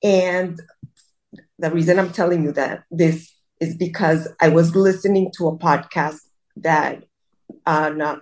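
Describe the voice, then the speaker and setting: A middle-aged Colombian woman, appearing as a guest over a video call, tells her story in a casual interview. Her voice is deep and darkish, and she rambles, often restarting and making self-deprecating asides.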